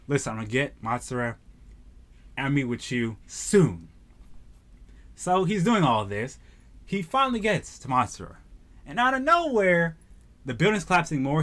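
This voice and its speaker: A man casually reviewing an anime, retelling the plot as an excitable, slangy storyteller. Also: a little high.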